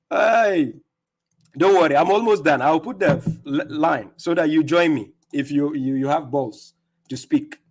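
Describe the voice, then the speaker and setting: Speaking slowly with frequent pauses, this livestream host has a rather high voice with a darkish tone. His religious rebuttal is combative, mocking and taunting, and he laughs at the people he's arguing against while tripping over repeated words. The audio comes from a streaming setup.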